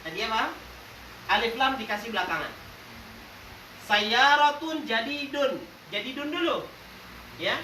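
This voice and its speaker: A man teaching a lively grammar lesson to a class, quizzing them playfully, joking, and drawing out example words slowly. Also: very high-pitched. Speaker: religious teacher. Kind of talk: classroom lesson with call-and-response. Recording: roomy, distant classroom recording with faint noise.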